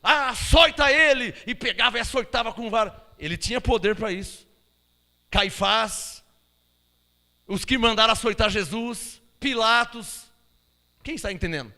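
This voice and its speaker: A man's voice: high-pitched, normal speed, long pauses, bright, forceful tone. A man preaching a sermon, emphatic and full of rhetorical questions to his congregation. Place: church hall. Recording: long church-hall reverb.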